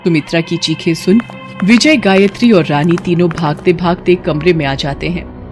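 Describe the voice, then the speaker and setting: A woman narrating an animated horror story in a steady storytelling manner. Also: lowish voice, moderate pace, soft background music.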